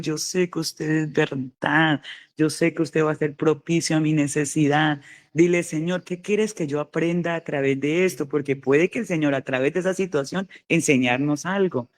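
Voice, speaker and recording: A woman preacher giving a fervent sermon testimony, repeating her exhortations and slowing down on key phrases. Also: deep voice, a little mellow.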